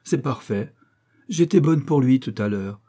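A man reading an audiobook, voicing a proud noblewoman with haughty, sharp irony. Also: medium pitch, expressive, unhurried. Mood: mocking. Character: proud cutting noblewoman, marquise, mocking.

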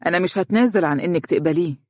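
A persuasive young office boss with an Egyptian accent, voiced by the narrator of an audiobook, talking quickly and coaxingly. The sound is dry and close. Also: medium pitch, a little mellow, no echo, close to an everyday voice. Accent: Egyptian Arabic.

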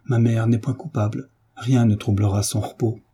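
A man's voice: lowish voice, steady tone, normal speed, mellow, slightly rough. A man reading as an icy, resolute young son. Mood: cold. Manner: icy, firm. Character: cold, resolute young man leaving home.

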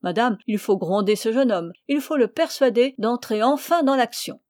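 Zealous scolding priest read by a woman, preachy, mellow and dry. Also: on the high side, animated, moderate pace, no room sound, close to an everyday voice. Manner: preachy, exhorting.

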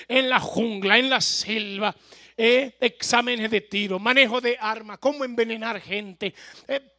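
A man's voice: sits high, vocal fry, sharp tone, no echo, studio quality. A male pastor preaching in a church, telling a humorous story and speaking directly to the congregation.

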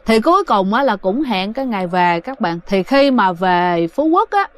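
A woman's voice: medium pitch, very animated, normal speed. A woman casually telling a ghost story, chatting directly to her listeners. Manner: chatty, addresses listeners directly, many fillers.

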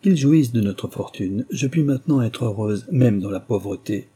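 A man reading an audiobook and voicing a devoted young woman with a soft, heartfelt delivery. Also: mid-range voice, expressive, normal speed, slightly rough. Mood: tender.

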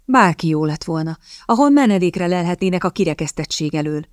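Woman reading an audiobook, low voice, calm, dry close mic. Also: dry recording. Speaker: audiobook narrator. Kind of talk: scripted narration.

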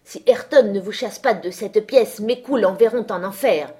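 A woman's voice: lowish voice, moderate pace, a little mellow, lightly acted. A woman reading an audiobook, voicing a domineering middle-aged man who barks harsh threats and commands. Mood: furious.

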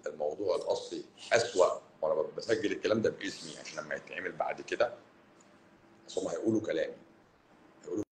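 A man from Cairo with an Egyptian accent, a doctor talking bluntly and emphatically to viewers on a livestream, swinging between loud and hushed. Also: sits low, echoey room, slight background noise, poor audio. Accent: Egyptian Arabic, Cairo. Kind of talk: livestream talk answering viewers.

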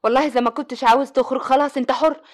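An actress with an Egyptian accent playing a sociable young wife in a radio drama, pleading and easily hurt. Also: female voice, sits high, fairly even intonation, rapid-fire, natural voice. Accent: Egyptian Arabic.

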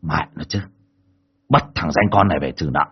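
A man's voice: rumbling low, moderate pace, slightly rough, lo-fi sound, voice pushed down, exaggerated voice. A man playing a cruel, bullying male village landlord who barks abuse and orders at poor farmers in an audio story. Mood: bullying rage. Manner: barking, abusive, shouting orders.

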